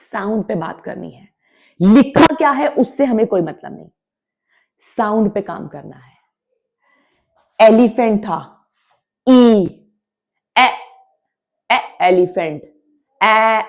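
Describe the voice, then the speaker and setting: Woman teacher, unhurried delivery, repeats each point firmly, switches between Hindi and English, drills sounds aloud for beginners. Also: medium pitch. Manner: mixes Hindi with English words. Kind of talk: classroom-style grammar lesson.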